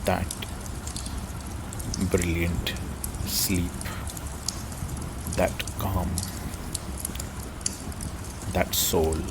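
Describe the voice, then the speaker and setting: A man with a very low, creaky voice speaks in a pensive, reflective way. He goes slowly, in short broken phrases, with clear background noise around him. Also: flat delivery. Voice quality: deep, gravelly. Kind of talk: slow reflective spoken musing. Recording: clearly noisy ambient background.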